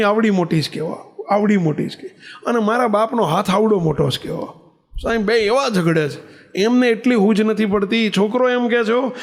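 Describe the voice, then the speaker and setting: A man with a Gujarati accent giving a sermon as a swami, telling stories and acting out the dialogue, repeating phrases for emphasis. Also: sits high. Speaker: swami giving a religious discourse. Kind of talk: sermon with storytelling.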